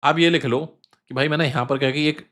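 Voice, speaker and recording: A man hosting a crypto trading channel, talking casually through chart analysis, repeating phrases for emphasis and filling pauses with fillers. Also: on the high side, steady tone, fairly bright tone.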